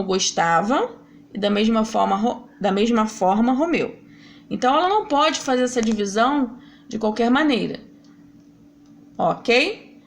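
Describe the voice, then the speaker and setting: A woman's voice: a little high, gravelly. A woman teacher giving a recorded grammar lesson to schoolchildren, patiently explaining step by step and asking rhetorical questions.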